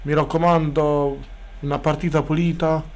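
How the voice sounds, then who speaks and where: A man streaming a sports video game, chatting casually, swearing freely and bursting into loud excited shouts. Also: a little high, normal speed, noisy background. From Italy. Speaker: gaming streamer. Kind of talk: casual gameplay commentary.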